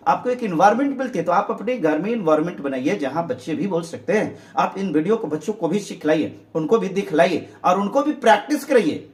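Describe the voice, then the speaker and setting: A man from India teaching spoken English in Hindi, earnestly urging viewers and drilling phrases by repetition. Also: a little high.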